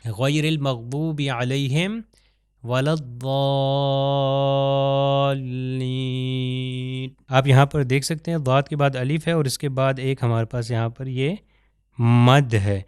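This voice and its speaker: Man, Quran recitation teacher, smooth resonant voice, dry close sound, slow drawn-out sample verses. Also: mid-range voice, steady tone, darkish tone, no room sound. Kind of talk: pronunciation lesson over slides.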